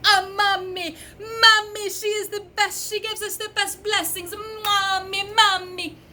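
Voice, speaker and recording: A woman's voice: flat delivery, unhurried, pushed and bright, slight background noise, full character voice. Woman putting on a wailing, ecstatic hippie man. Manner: high crying wail, repeats words.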